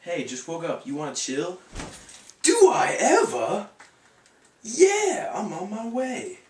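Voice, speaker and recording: A teenage boy playing a careless driver who texts at the wheel, muttering slowly to himself. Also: sits high, huge pitch swings, breathy edge, exaggerated voice. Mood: casual. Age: late teens. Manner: mumbled, slow, muttering to himself. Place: inside a car. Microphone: camera mic in the car. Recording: amateur camera audio, loud road noise.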